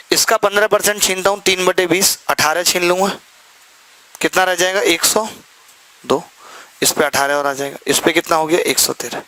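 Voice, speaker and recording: A man's voice: a little high, sharp tone, low-quality recording. A man teaching a maths class live, explaining problems step by step and joking with his students.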